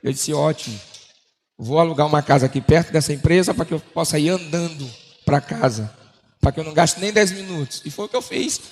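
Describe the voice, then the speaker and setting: A man from Brazil giving a sermon testimony, telling his story and acting out the dialogue with shifting pitch. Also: a little fast, a little mellow, a little hiss or hum. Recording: long hall reverb.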